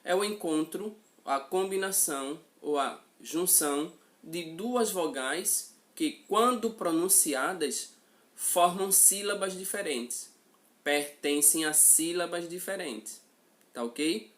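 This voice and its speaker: A man teaching a grammar lesson in a fairly high voice. He speaks slowly and deliberately, says each example word more than once, and keeps asking his listeners whether they follow. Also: expressive, a bit bright. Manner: slow, deliberate, repeats example words and checks in with the class.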